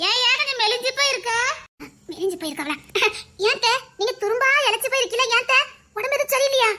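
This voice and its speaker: A sugary, manipulative young wife flatters and pleads in a very high, bright voice, as a woman voices her for an animated story. Her colours every whiny, wheedling line. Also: quick pace. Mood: flattering.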